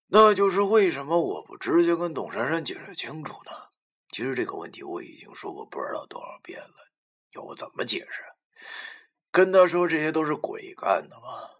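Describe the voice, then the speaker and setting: A man narrating a first-person novel, often sinking into a breathy whisper. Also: medium pitch, pushed and bright. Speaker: audiobook narrator.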